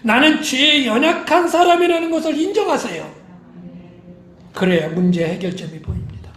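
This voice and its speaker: Male pastor, high voice, emphatic sermon delivery in a roomy church. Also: big pitch swings, moderate pace, fairly bright tone. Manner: emphatic preaching, acting out quoted lines. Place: church sanctuary.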